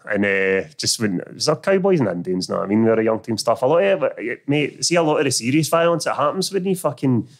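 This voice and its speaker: A man's voice: medium pitch, expressive, quick pace, hardly any pauses. A man with a Glasgow street accent telling stories in a blunt, sweary, slangy way in casual chat. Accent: Glasgow area Scottish street accent. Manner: blunt, slangy, sweary, peppered with 'mate' and 'know what I mean'. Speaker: podcast guest. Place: small indoor podcast studio. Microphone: close studio microphone on a stand.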